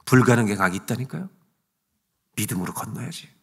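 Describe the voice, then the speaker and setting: A man preaching as a pastor at a church revival service. He drops to hushed near-whispers, then builds to loud, emphatic lines, and he keeps asking the congregation questions that he answers himself. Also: fairly low pitch, expressive, brisk, gravelly, husky. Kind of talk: revival sermon. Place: church sanctuary.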